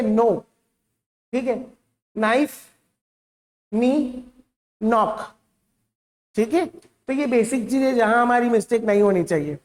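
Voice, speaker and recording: Female teacher, Hindi accent, a bit high-pitched, patient classroom delivery that repeats and checks in. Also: a little mellow. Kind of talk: classroom lesson.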